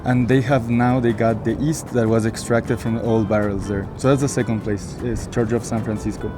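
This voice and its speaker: A man from Ecuador, casually recommending places as a local guide outdoors in a city. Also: mid-range voice. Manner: relaxed, explaining with pauses and "uh". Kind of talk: casual conversation. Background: background music.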